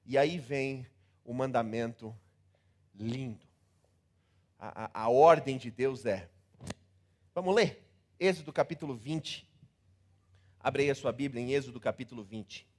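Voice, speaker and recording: A man with a Brazilian Portuguese accent preaching a sermon, theatrical and animated, acting out scenes and repeating words in rhythm. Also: medium pitch, unhurried, pauses often. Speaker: pastor.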